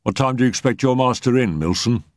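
A man voicing a brisk, commanding male police inspector who gives curt orders. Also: medium pitch, lively intonation, no room sound, studio quality, voice pushed up, close to an everyday voice. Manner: brusque, commanding.

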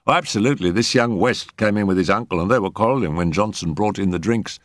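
A man's voice: on the low side, fast talker, no echo, clean studio sound, close to an everyday voice. A man voicing a talkative male police constable who gossips eagerly about a case. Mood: gossipy.

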